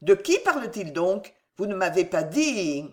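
A woman's voice: mid-range voice, very animated, unhurried, voice pushed down. A woman voicing a polite, composed chaperone who answers with courteous reserve. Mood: guarded. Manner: courteous, guarded.

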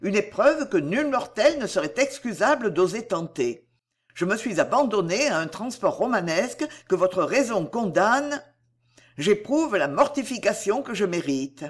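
A woman reading the part of a proud, passionate young gentleman suitor in a storybook, with formal, agitated declamation. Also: medium pitch, big pitch swings, unhurried, breathy edge. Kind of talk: audiobook character reading.

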